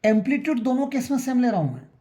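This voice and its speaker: A man's voice: very high-pitched, big pitch swings, very fast, dark tone. A man teaching a school science lesson in a classroom. He counts aloud, quizzes his students and keeps checking that they understand. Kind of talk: classroom lecture.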